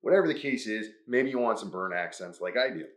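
A man's voice: on the low side, animated, brisk, a bit bright, roomy sound. A man hosting a hands-on craft tutorial, who talks upbeat through each step. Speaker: host.

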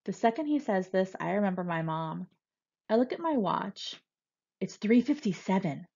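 A woman reading a first-person novel aloud with steady, expressive storytelling. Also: mid-range voice, normal speed, creaky, breathy edge, muffled recording. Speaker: reader.

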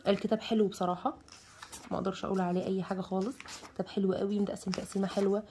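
A woman's voice: medium pitch, flat delivery, rapid-fire, dark tone, slight background noise. A woman with an Egyptian Arabic accent casually reviewing a book, chatty and enthusiastic, reading out its contents with many fillers. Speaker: bookshop presenter reviewing a children's book. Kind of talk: casual book review while leafing through pages.

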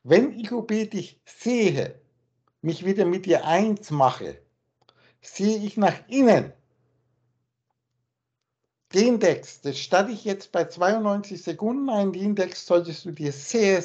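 A man on a video call, explaining spiritual texts in a rambling, circling way, repeating words and slowing down to stress single ones. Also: high-pitched, animated, darkish tone. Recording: muffled call audio.

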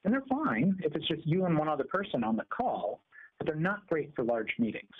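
A middle-aged male presenter gives a scripted demonstration, heard through a speakerphone in a small indoor meeting room. His voice is a little high, husky, and sing-song, and he speaks fairly quickly. The pickup is muffled and lo-fi.

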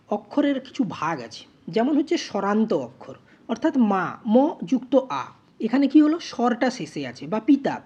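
A woman teacher explaining grammar, spelling out words slowly syllable by syllable. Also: mid-range voice, dark tone, breathy edge, highs cut off. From West Bengal, India. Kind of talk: grammar lesson.

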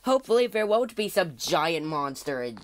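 A gaming commentator with a slightly high voice casually explains a game to viewers in let's-play style. He's very animated and speaks at a moderate pace, recorded at home with a lot of noise.

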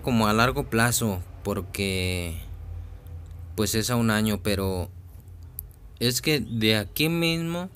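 A man talking casually over a phone screen recording, slow and hesitant with many fillers and restarts. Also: lowish voice, fairly bright tone, slight background noise. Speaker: vlogger walking through a website.

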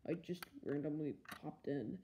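A woman's voice: low-pitched, moderate pace. A young player voicing toy race cars on a carpet, switching between playful character voices, recorded on a handheld phone. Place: carpeted room indoors. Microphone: handheld phone camera. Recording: loud handling noise from phone.

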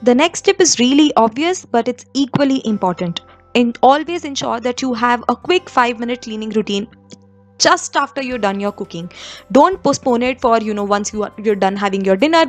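A young woman from India giving kitchen cleaning tips in a conversational voice-over, with frequent fillers and restarts. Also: a little high. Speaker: home vlogger.

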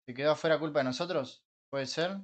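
Young Argentine man streaming, fairly high voice. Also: fast. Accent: Argentine Rioplatense Spanish. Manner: banters with chat, swears, bursts into frustrated shouts. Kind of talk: casual live-stream chat while gaming.

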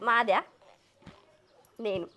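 A woman's voice: on the high side, very slow, crowd noise. A woman, playfully calling out guesses in a casual family game. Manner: playful, repeats guesses aloud, laughs. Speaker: vlog host, guessing player.

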